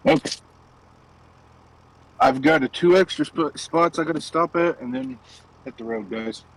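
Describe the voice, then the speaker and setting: A man's voice: on the high side, unhurried, gravelly, a bit bright, rough recording. A young man streaming and chatting loosely from his car, rambling through stories with plenty of swearing. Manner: loose, profane, rambling storytelling. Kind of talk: casual chat while gaming and driving.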